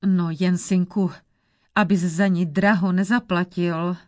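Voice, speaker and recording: A woman's voice: mid-range voice, expressive, dry recording, clean studio sound, lightly acted. A woman voicing a limping, kindly old father who worries about his son. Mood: anxious.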